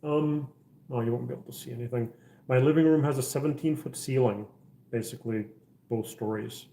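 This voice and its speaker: A man's voice: medium pitch, a little fast, creaky, dark tone. Rambling middle-aged man, echoey room. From Czech Republic. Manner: rambling, many fillers and restarts. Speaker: livestream host. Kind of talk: casual livestream chat. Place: house interior.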